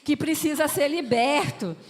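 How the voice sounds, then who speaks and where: A woman preaches at a family conference. She tells her stories with lively emphasis. A long reverb from the hall trails behind her words. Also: high-pitched, measured pace. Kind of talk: preaching talk with personal stories.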